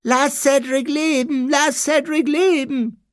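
A man voicing a panicked, cowardly teenage boy who wails and stutters in a shrill voice. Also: steady tone, slow pace, no room sound, studio quality. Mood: wailing.

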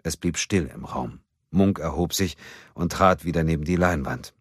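A man narrating a crime novel in a steady, even reading voice. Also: extremely low pitch, moderate pace, husky, dry recording, clean studio sound. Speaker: audiobook narrator. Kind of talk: scripted narration.

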